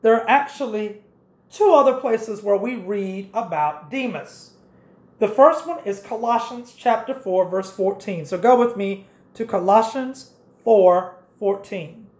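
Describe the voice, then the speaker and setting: A woman's voice: medium pitch, a little slow, a little mellow, reverberant. A woman preaching a sermon, directing listeners through scripture passages and explaining them step by step.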